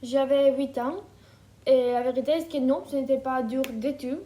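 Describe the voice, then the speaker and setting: Woman in her 20s, kinda high mellow voice, pauses a lot, euh euh. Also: steady tone. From Ukraine. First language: Ukrainian. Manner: hesitant, thoughtful, many fillers. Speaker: interview guest. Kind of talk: casual interview.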